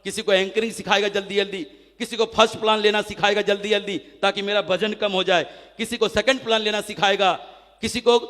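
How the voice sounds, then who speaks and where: Bright-voiced trainer in a hall. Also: male voice, high voice. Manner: rhetorical questions answered himself; animated, acts out quoted people. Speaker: motivational trainer. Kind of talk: motivational seminar talk. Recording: long hall reverb.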